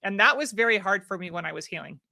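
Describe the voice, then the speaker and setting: A woman's voice: mid-range voice, lively intonation, fast talker, gravelly, pushed and bright, no echo, clean studio sound. A middle-aged woman guest on a podcast, talking earnestly and often restarting her sentences. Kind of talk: podcast conversation.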